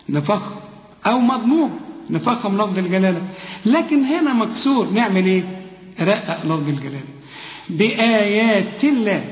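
A man with an Egyptian accent teaching Quran recitation. He coaches a student and slowly repeats words to demonstrate them. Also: high-pitched. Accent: Egyptian Arabic. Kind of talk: tajweed lesson, one-on-one drilling. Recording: echoey hall, dull lo-fi sound.

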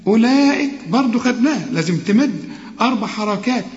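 A man with an Egyptian accent teaching Quran recitation rules, switching between slow chanted verses and quick spoken explanations, putting questions to his student. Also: on the high side, lively intonation. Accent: Egyptian Arabic. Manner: addresses the student directly with questions. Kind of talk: tajweed lesson with recitation and explanation. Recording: echoey dull lo-fi tape recording.

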